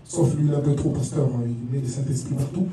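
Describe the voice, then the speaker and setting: On the panel, a man with a Congolese French accent talks fast in a mellow, medium-pitched voice, speaking casually as an artist and repeating words often. Faint noise, a distant microphone, and strong room echo color the recording.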